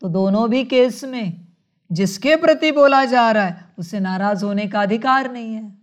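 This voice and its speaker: A woman giving a spiritual sermon, speaking in a measured way, calling her listeners children and asking rhetorical questions. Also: fairly high pitch. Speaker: spiritual teacher.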